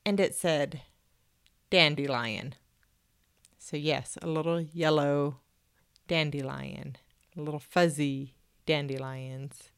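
A woman's voice: deep voice, steady tone, slow, long pauses, clean tone, no echo, clean studio sound. A woman hosting a podcast, telling a personal story in a casual, chatty way. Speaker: podcast host. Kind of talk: casual conversation.

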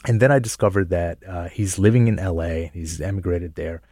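A man from Jordan telling personal stories in a relaxed radio conversation, thoughtful and quick to laugh. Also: low-pitched, dry recording, studio quality. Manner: thoughtful, self-reflective, laughs easily.

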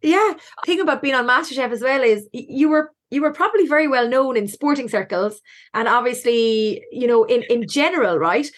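A woman's voice: a little high, animated, brisk. A woman hosting a chat in an eager, enthusiastic way. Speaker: podcast host. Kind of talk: casual chat.

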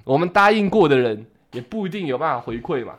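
A young man, co-hosting a podcast and telling a story in an excitable way, with casual swearing and words repeated for emphasis. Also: fairly high pitch, fast. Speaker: podcast co-host. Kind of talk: animated storytelling chat.

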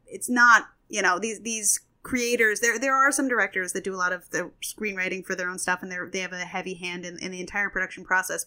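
A woman's voice: medium pitch, bright, forceful tone. A young woman co-hosting a podcast in casual chat, talking with many fillers and restarts. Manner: chatty, filler-heavy, lots of restarts. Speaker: podcast co-host.

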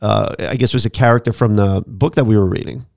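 A man hosting a podcast, telling a story about his teaching days in a casual, animated way with frequent laughs and restarts. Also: on the low side, quick pace, gravelly, dry recording, studio quality. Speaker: podcast host, former teacher.

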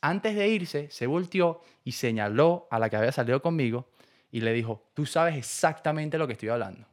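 A young man, co-hosting a podcast and telling a story fast and animated, full of slang and repetition. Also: medium pitch. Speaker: podcast co-host. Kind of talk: casual storytelling chat.

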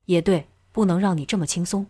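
A woman's voice: fairly low pitch, fast, dark tone, breathy edge, no room sound, studio quality. A woman doing a cold, curt male fighter. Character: cold, stern vengeful young male fighter.

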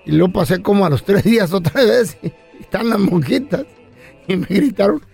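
A man's voice: high-pitched, animated, normal speed, vocal fry, a little mellow, husky, soft background music. A man with a Mexican Spanish accent, a radio comedy host who teases and jokes in casual banter. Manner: playful, teasing, tells jokes about himself. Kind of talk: joking banter on a radio show.

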